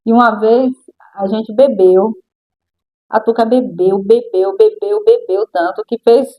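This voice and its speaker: A middle-aged woman with a Brazilian accent tells her personal testimony in an interview, with a voice of ordinary pitch. She is an animated storyteller who acts out what others said. She sinks to a hushed murmur when the story turns grave. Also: unhurried, poor audio. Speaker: guest sharing her testimony.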